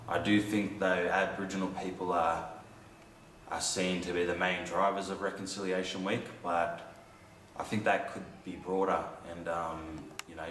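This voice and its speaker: A man's voice: deep voice, a bit bright, a little hiss or hum. A man giving a reflective interview answer, hesitant with fillers. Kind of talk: casual spoken interview answer. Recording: roomy, distant mic.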